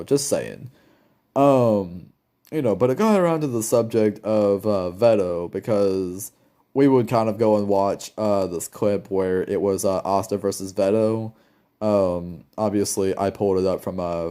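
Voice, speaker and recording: A man's voice: on the low side, warm tone. A young man giving casual solo commentary, rambling with many fillers and restarts. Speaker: YouTuber.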